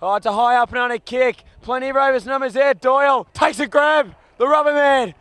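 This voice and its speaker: A man calling a football match live, rattling off players in clipped bursts and shouting at big moments. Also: extremely high pitch, brisk, smooth, dry recording. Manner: clipped bursts of names and actions. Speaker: football commentator. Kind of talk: live play-by-play commentary. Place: commentary box at an outdoor ground.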